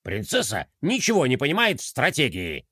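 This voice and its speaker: A bossy, pompous toy rabbit general from a storybook, scoffing and barking orders. A man acts him out in a lower voice with lively swings of pitch. The sound is dry and close. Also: a little slow, no echo, heavily acted. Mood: commanding.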